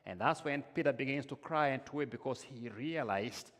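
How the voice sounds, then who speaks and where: A man preaching a sermon slowly and emphatically, with sudden swings in loudness, often speaking in the first person as a biblical figure. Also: mid-range voice. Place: church. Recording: long reverb of a large hall.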